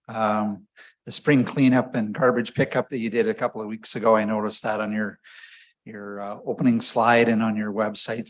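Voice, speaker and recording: A man serving as a city councillor, speaking in a friendly, appreciative way with small stumbles. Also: mid-range voice. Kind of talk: council remarks. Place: council chamber.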